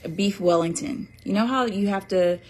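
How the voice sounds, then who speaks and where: A woman's voice: mid-range voice, moderate pace, a little mellow. A woman chatting casually on a livestream, reading out viewer comments with many fillers and restarts. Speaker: livestream host selling an oracle deck.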